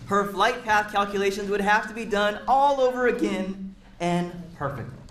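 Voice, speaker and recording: Speaking at normal speed in a high-pitched, slightly bright voice, a storyteller reads a picture book aloud to a group of children. He keeps encouraging them, stopping to explain words and ask questions, and the large indoor room sounds echoey.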